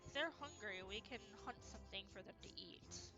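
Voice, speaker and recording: A woman's voice: mid-range voice, lively intonation, a little fast. Woman tabletop player with music behind. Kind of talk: casual in-game chat.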